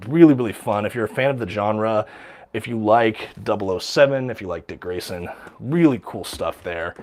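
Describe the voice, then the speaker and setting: Showing his comic collection on a casual livestream, this male host talks eagerly and chats away, filling gaps with ums and uhs while reading viewer questions aloud. He sounds a bit stuffy and short of breath. His voice is lowish and slightly mellow, at a moderate pace.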